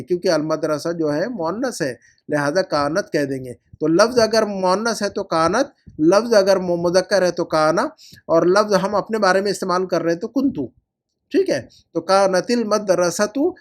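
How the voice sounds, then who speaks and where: A man with a rather high voice teaches an Arabic lesson and goes through his students' homework. He explains in Hindi-Urdu mixed with English terms and stretches key words out slowly, repeating them for drilling. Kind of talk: online lesson correcting homework.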